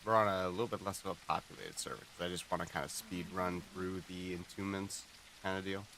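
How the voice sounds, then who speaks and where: A man chatting casually on an early morning game live stream, speaking quietly with a groggy morning voice. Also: deep voice, fairly even intonation, a little fast, noisy background.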